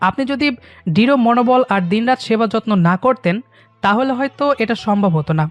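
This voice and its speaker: An actor playing a seasoned hospital doctor who speaks in a measured, professional way, mixing in English phrases, in an audio drama. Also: medium pitch, no echo, faint music behind, lightly acted. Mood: reassuring.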